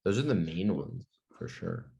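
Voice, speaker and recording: A man with a very deep voice co-hosting a relaxed podcast. He talks in halting bits, pausing on "um" and "like" as he gathers his thoughts. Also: creaky, muffled recording. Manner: hesitant, halting, many "um" and "like". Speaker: podcast co-host. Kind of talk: casual conversational podcast chat.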